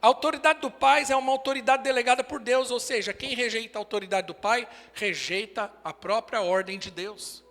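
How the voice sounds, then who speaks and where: A man's voice: very high voice, brisk, hardly any pauses, fairly bright tone. A man in his forties with a Brazilian Portuguese accent, preaching a sermon in short, emphatic declarations. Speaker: pastor. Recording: long hall reverb.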